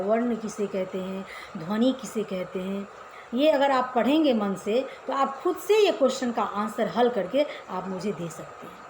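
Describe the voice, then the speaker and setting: Teaching Hindi to kids in an easygoing class, a woman with a slightly high voice explains each step and often poses questions. A little hiss or hum and faint ambience come through the echoey room.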